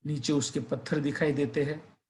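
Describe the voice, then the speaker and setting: A man's voice: a little high, steady tone, normal speed, a little mellow. A male teacher telling a suspenseful story, then earnestly urging students to revise. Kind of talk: storytelling and motivational advice to students.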